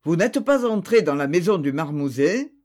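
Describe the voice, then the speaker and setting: A stern magistrate, read by a man, presses his questions in short, curt lines. The delivery stays lively in pitch, rising and falling, in an audiobook reading. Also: moderate pace. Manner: curt, interrogating. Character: stern male investigating judge, cold and probing.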